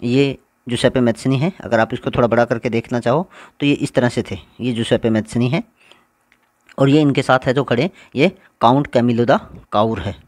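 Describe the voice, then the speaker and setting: A man's voice: medium pitch, normal speed, darkish tone, no echo. A male teacher giving an exam-prep lecture over slides, explaining step by step and answering his own questions.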